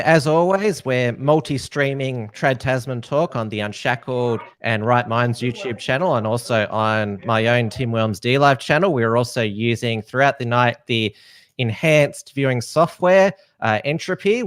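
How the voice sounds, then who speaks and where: Man, stream host, hesitant, lots of fillers, mid pitch. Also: moderate pace, clean tone, no room sound. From Australia. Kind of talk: live-stream political commentary.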